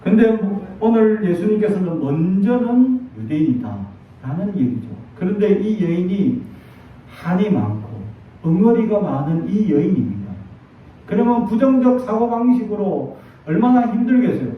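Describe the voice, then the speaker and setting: A middle-aged man preaching a sermon as pastor, telling stories in an animated way and acting out quotes. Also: sits high, normal speed. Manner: animated storytelling with acted quotes. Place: church sanctuary. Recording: echoey distant, dull church sound.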